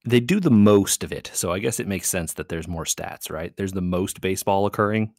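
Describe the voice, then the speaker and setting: A man's voice: sits low, lively intonation, brisk, a little mellow, no echo, clean studio sound. A man hosting a casual podcast, telling stories in a rambling, laid-back way with lots of fillers. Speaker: podcast host.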